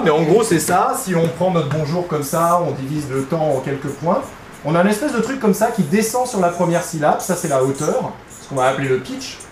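A man gives a relaxed, explanatory science talk and now and then shows a point with his own voice. His voice sits a little high for a man. The sound is roomy and picked up from some way off, with a faint hiss behind it. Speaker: researcher presenting voice experiments. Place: conference hall. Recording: echoey hall, distant mic, faint noise.

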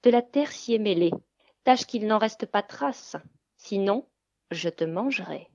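A woman's voice: medium pitch, animated, darkish tone, no echo, highs cut off. Baba Yaga, a woman doing a menacing old witch. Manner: growling, threatening, drawn-out words. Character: menacing old female witch, gruff and greedy. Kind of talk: storybook reading.

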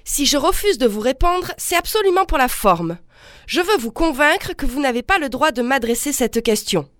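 A woman reading aloud the lines of a proud young wife who answers in an icy, measured, defiant manner. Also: high-pitched, sing-song, fairly bright tone, no echo, studio quality, pitched above the performer's own voice.

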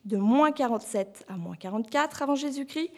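A woman's voice: a little high, lively intonation, fairly quick, darkish tone. A woman hosting a discussion show, explaining and putting questions to guests. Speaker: host.

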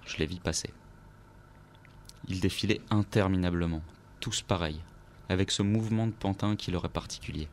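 A man narrating a literary story aloud in a grave, measured way. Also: low-pitched, a little hiss or hum.

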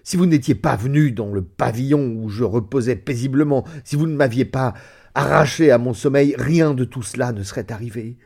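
A man's voice: on the low side, fairly even intonation, moderate pace, few pauses, dark tone, husky. A man voicing a desperate, guilt-ridden husband who pleads in a raised, strained voice in a storybook reading. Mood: desperate pleading.

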